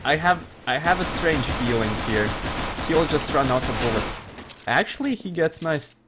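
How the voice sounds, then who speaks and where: A man's voice: on the high side, lively intonation, unhurried. A man casting a live shooter match, amused and often laughing in disbelief at the plays. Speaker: esports caster. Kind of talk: live game commentary. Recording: game gunfire noise behind voice. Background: game gunshots and clicks.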